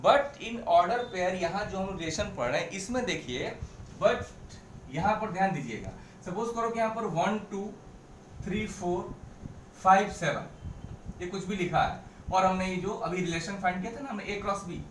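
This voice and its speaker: A man's voice: sits high, lively intonation, normal speed, a bit bright, a little hiss or hum. A man teaching a maths class step by step, repeating key points and mixing English phrases into his explanations. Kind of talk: blackboard maths lesson. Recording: echoey room, mic at a distance.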